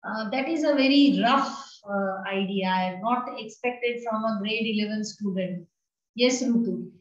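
A woman's voice: a little high, moderate pace. A middle-aged woman with an Indian accent teaching an online biology class, questioning and prompting students and slipping between English and Hindi. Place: indoor room with bookshelves. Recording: echoey, dull video-call audio.

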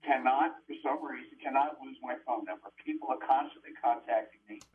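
An older man, a guest exorcist, talks in a halting way and often repeats words as he looks for them. His voice comes over a thin, tinny phone line with no bass, as if from inside a tin can. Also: background noise. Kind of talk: phone-in radio interview. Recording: tinny phone line, speaker far from the mic.

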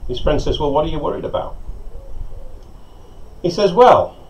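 A middle-aged man, a pastor, preaching a sermon and telling stories in an animated way, recorded on a lapel mic outside on a porch. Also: on the high side, moderate pace, creaky, a little hiss or hum. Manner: storytelling, animated, gesturing with hands. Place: covered porch outdoors by a lake. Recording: slightly dull sound with faint outdoor ambience.

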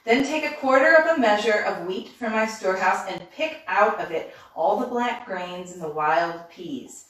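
A ravenous, menacing old witch, played by a woman reading a storybook, barks her commands in archaic speech. The voice rings through a very echoey room and sits at a distance from the mic. Her pitch stays in an ordinary middle range. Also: expressive, moderate pace, fairly bright tone, natural voice. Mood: bossy.

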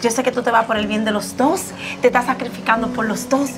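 A woman's voice: fairly high pitch, fairly even intonation, fairly quick, lightly acted. A woman playing a wife saying goodbye to her husband, melodramatic and pleading. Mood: tearful. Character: tearful young wife left behind. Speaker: comedy sketch actor. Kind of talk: comedic sketch dialogue. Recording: music track underneath.

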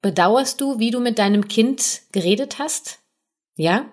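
A woman hosting a podcast, gently explaining nonviolent communication to parents and addressing the listener directly with little tag questions. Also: fairly high pitch, expressive, a little slow. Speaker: podcast host and communication coach. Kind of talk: podcast monologue giving parenting advice.

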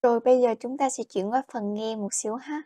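Woman, Chinese teacher, fairly high voice, slow modeled phrases, lesson style. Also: dark tone. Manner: explains in Vietnamese, models Chinese slowly, keeps asking "Được chưa?". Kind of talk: language lesson.

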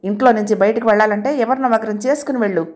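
A woman reading as a stern middle-aged father in an audio novel. He is harsh and commanding, and he lays down the law. Her voice sits fairly high. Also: very fast, a little mellow, close to an everyday voice.

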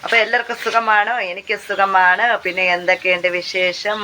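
Hoarse Kerala woman, casual cooking vlogger, phone-held mic, faint sizzle under. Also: medium pitch, steady tone, brisk, sharp tone, a little hiss or hum, poor audio. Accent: Kerala Malayalam. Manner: chatty, repeats phrases, tag questions. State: hoarse from talking. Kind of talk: casual chat while cooking. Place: home kitchen. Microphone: handheld phone. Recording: faint frying sounds behind.

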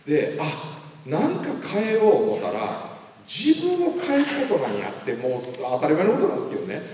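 A man in his fifties with a Kansai accent tells a story to a live audience, his voice swinging through a wide, lively pitch range. His voice is slightly higher than most men's. It echoes strongly around a big hall, picked up from some way off. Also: brisk, a crowd in the background. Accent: Kansai Japanese. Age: 50s. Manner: animated storytelling, acting out quoted voices. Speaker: motivational speaker. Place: large lecture hall. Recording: echoey hall, mic at a distance.

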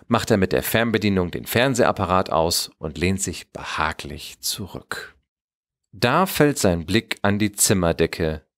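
A man narrating a German children's Christmas story in an expressive storybook manner. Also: low voice.

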